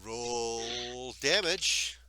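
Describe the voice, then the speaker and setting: A man's voice: medium pitch, very slow. A man narrating as game master in a live tabletop game, describing combat with easy humor. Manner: relaxed, laughing, describing combat.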